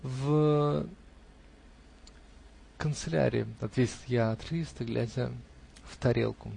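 Gravelly-voiced man reading a novel aloud. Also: mid-range voice, slow pace. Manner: expressive first-person storytelling. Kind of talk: audiobook reading of a classic novel.

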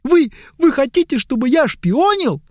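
A man's voice: very high voice, big pitch swings, unhurried, darkish tone, no echo, studio quality, pitched above the performer's own voice, exaggerated voice. A man doing a whiny, tearful young elf. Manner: pleading, plaintive, near tears. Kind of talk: audiobook character voice.

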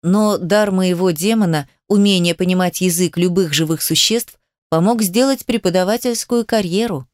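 A woman reading the part of an adult male mage teacher, calm and instructive, a little condescending. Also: lowish voice, moderate pace, no echo, clean studio sound, lightly acted.

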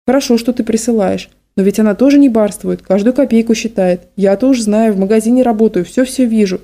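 A woman's voice: fairly high pitch, fairly quick, warm tone, lightly acted. A woman voicing a worried, tearful middle-aged village mother who laments and pleads.

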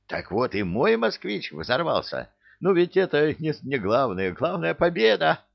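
A man voicing an excitable, rambling old village grandpa in an audiobook, pitched up and gravelly. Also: normal speed, no room sound, dull audio, heavily acted. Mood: excited. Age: older.

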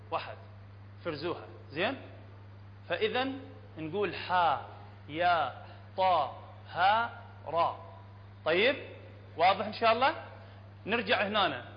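Iraqi man teaching tajweed, high voice, often checks with the class, dull lo-fi hall recording with faint hum. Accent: Iraqi Arabic. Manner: explains plainly, checks often with the class, chants verses slowly. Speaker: Quran recitation teacher.

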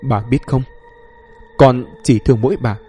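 A man's voice: medium pitch, normal speed, mellow, slightly rough, close to an everyday voice. A man voicing a vengeful young female ghost who speaks in a bitter, accusing way.

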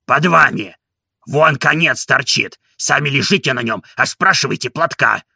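A man doing a gravelly grumbling old manservant. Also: medium pitch, lively intonation, sharp tone, no echo, clean studio sound, exaggerated voice. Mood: aggrieved. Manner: slow, grumbling, aggrieved. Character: grumbling old male manservant, sulky and put-upon.

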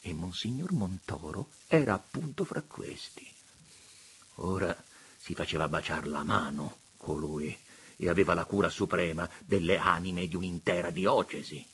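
Deep husky male audiobook narrator. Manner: theatrical, expressive, measured. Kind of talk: audiobook reading of a literary novel.

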